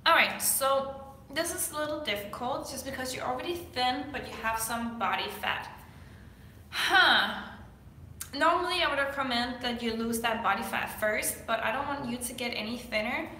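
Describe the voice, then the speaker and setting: In this casual Q&A vlog, a Danish-accented young fitness coach from Denmark chats through viewer questions, leaning on lots of fillers. Her high voice has a sharp edge and moves at a normal speed, with slight hiss or hum in an echoey room.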